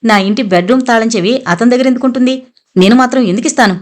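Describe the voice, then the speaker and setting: A woman's voice: a little high, fast talker, close to an everyday voice. Audiobook: proud, prickly young mother, read by a woman narrator, defensive. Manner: indignant, defensive.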